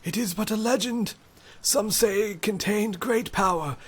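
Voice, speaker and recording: Frail old male magician played by a male reader, shaky high voice, meek and apologetic storybook character. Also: a little slow, husky. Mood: cautious. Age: older. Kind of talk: storybook character read aloud.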